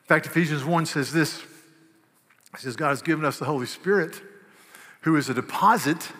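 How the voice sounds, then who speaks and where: A man preaching a sermon, animated, swinging from loud bursts to hushed asides. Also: on the high side, moderate pace. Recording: long reverb of a large hall.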